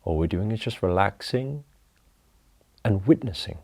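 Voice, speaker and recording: A man leading a guided breathing meditation, talking slowly and calmly through each step. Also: lowish voice, vocal fry. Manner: slow, calm, instructive.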